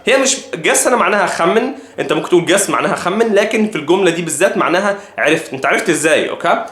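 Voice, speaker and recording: Egyptian male English teacher, higher voice, patient drilling of phrases, roomy echo. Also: animated, fairly bright tone. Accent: Egyptian Arabic. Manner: slow careful repetition of English phrases. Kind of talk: language lesson.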